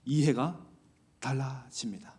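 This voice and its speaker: A man's voice: mid-range voice, slow, darkish tone. A man preaching a conversational church sermon, full of rhetorical questions and acted-out quotes. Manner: acts out quoted lines in varied voices. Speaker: pastor. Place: church sanctuary.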